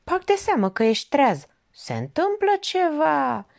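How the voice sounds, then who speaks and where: A woman voicing a tired, level-headed male doctor who speaks in calm questions, in an audiobook. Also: high-pitched, creaky, voice pushed up, full character voice. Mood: weary.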